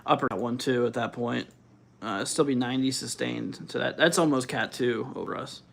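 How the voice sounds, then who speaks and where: A man hosting a live weather stream, giving casual, halting commentary as he thinks aloud and reads out figures. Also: mid-range voice, gravelly, fairly bright tone. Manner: informal, halting, thinking aloud while looking things up. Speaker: weather livestream host.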